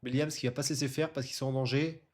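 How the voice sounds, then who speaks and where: A man's voice: mid-range voice, steady tone, quick pace, a little mellow. A man casually presenting and commentating live on an online football tournament as its streamer and host.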